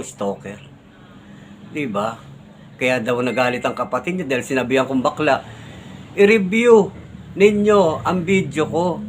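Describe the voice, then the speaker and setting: A man's voice: medium pitch, slight background noise. Man, vlogger, casual defensive talk to viewers, repetitive, polite tag questions. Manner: defensive, repeats himself, tags lines with "no?" and "di ba?"; polite, uses the respectful "po" often.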